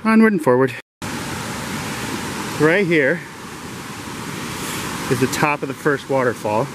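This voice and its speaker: A man's voice: fairly high pitch, animated, takes it slowly, noisy background. A man vlogging as he hikes a mountain trail, chatty and jokey, talking to himself and out of breath from the climb. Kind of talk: hiking vlog narration. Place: outdoors on a rocky mountain trail.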